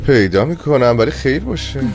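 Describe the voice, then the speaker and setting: A man's voice: medium pitch, sing-song, a little mellow, soft background music. A man voicing a fussy, talkative young male friend in a dubbed TV drama, full of dramatic sighs. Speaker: dubbed series sidekick.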